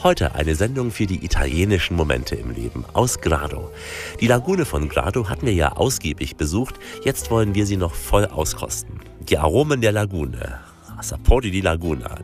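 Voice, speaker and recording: A man hosting a radio travel program, giving a scripted narration with a playful, storytelling delivery. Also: low voice. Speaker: radio host.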